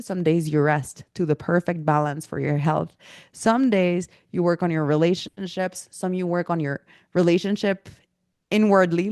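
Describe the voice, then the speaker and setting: A lower-pitched woman leads an online workshop in a loose, chatty way, full of fillers and asides. Her throat is a little irritated. The sound is dry and close. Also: darkish tone, no room sound. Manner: casual, chatty, with many fillers. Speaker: workshop teacher. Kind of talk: online presentation talk.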